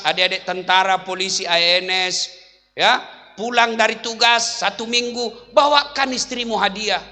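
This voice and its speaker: A man's voice: high-pitched, pushed and bright, long reverb tail. A man preaching a humorous sermon, telling jokes and acting out the lines of the people in them. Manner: joking storyteller, acts out quoted lines. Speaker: Islamic preacher.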